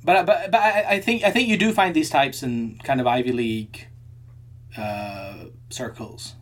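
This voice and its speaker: A man's voice: mid-range voice, measured pace. A man co-hosting a podcast in casual chat, thinking aloud with frequent restarts and repeated words. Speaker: podcast co-host.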